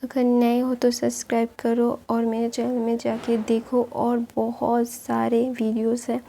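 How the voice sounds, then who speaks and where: A woman with a sore throat retelling a story in a slow, effortful, casual way as the channel host. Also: a little high, monotone, vocal fry, warm tone, a little hiss or hum.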